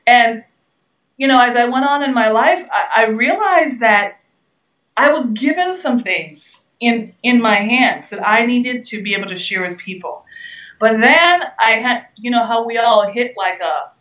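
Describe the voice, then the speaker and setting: A woman from the Bahamas speaks earnestly, stressing and repeating her key words. Her voice sits a little high and comes from away from the mic. The room is echoey and the sound is dull. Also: expressive, measured pace. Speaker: guest speaker and entrepreneur. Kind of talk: interview answers. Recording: roomy, distant, dull sound.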